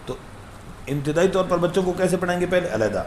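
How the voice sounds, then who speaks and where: A man's voice: high voice, fairly even intonation. Man teaching recitation in an echoey room. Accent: Pakistani Urdu. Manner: drills sounds in slow sing-song chant, quizzes listeners. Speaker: Quran teacher. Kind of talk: recitation lesson, explaining and chanting letters. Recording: echoey room with faint ambient noise.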